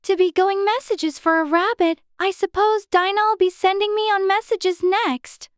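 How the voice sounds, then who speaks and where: A man's voice: very high-pitched, steady tone, unhurried, dry recording, clean studio sound, voice pushed up. A man voicing Alice, a curious, polite little girl who chatters to herself in a prim, wondering way.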